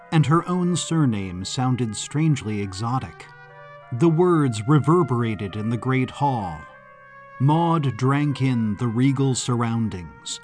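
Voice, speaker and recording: A man giving a scripted audiobook narration in a measured, expressive storytelling manner. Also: medium pitch. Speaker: narrator and author.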